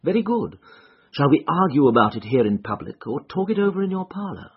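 A calm, clever detective, smooth and coolly polite, as a male reader voices him. His raised voice is husky and moves up and down a lot, heard through a dull, muffled recording. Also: a little high, brisk, voice pushed up, heavily acted.

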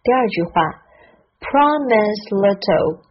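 A woman teaches English pronunciation in a slow, deliberate voice with a slightly husky edge. She spells words out letter by letter and enunciates each sound with care. The recording sounds somewhat dull and lo-fi. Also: medium pitch, lively intonation. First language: Chinese. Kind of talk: scripted lesson narration.

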